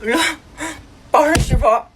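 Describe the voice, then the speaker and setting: A woman performing quick comedy skits, ranting with sassy exasperation in character after character. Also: high-pitched, noisy background. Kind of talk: rapid skit dialogue playing many roles.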